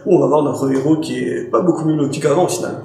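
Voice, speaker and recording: A man's voice: a little high, fast talker, vocal fry, mellow. A man giving a casual, joking book review to camera as a library's manga specialist, often restarting his sentences. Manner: chatty and joking, with frequent restarts. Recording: echoey room with faint music.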